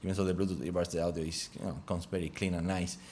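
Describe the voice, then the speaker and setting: A man's voice: low voice, little pitch movement, fast talker, a little mellow, slight background noise. A man casually talking through a test of a small wireless microphone at home. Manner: chatty, loose phrasing. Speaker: gear reviewer. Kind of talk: casual product review. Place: home room with open window. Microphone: wireless lav mic under test.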